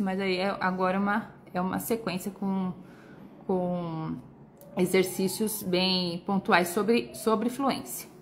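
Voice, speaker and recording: A woman's voice: medium pitch, slight background noise. A woman with a Brazilian accent, working as a literacy educator, answers viewer questions live in a patient, explanatory way and often checks in with short tag questions. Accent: Brazilian Portuguese.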